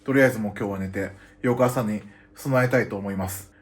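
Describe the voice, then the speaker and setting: A man's voice: fairly low pitch, a little fast. A Japanese man from Japan, chatting casually to the camera as a travel vlogger and often exclaiming to himself. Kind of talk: casual travel vlog narration. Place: hotel and hot spring resort, indoors and outdoors.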